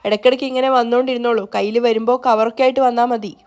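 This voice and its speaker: A greedy, fawning middle-aged uncle in a retold serial drama, as a woman narrator puts him on. The voice stays fairly high and close to her own, with an eager, wheedling push. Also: steady tone, fast, a little mellow, close to an everyday voice.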